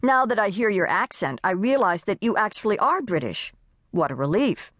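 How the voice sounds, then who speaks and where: A woman's voice: medium pitch, big pitch swings, moderate pace, a bit bright, dry recording, clean studio sound, pitched above the performer's own voice. A woman voicing a witty, nervous pregnant housewife who teases with wisecracks. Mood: teasing. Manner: wisecracking, teasing.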